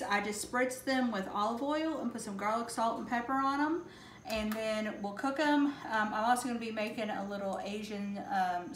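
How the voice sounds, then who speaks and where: Chatty woman in an echoey kitchen. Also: medium pitch. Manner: chatty, lots of "um" fillers, listing items. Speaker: meal prep moderator. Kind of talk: casual how-to vlog. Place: home kitchen, indoors. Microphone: camera mic at table distance. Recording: echoey kitchen with faint noise.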